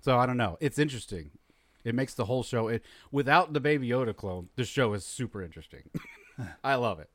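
A man hosting a casual podcast chat, enthusiastic and quick to laugh. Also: medium pitch, animated, dry recording. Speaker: podcast host.

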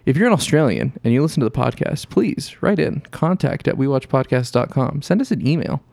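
A man hosting a podcast, bantering playfully and teasing his co-host with quick intros. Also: mid-range voice, animated, vocal fry, a little mellow, no echo. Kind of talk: casual banter.

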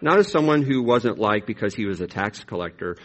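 A man preaching a conversational, reflective sermon in an informal, halting way, with slightly impeded articulation from braces. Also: lowish voice, expressive. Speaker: pastor preaching.

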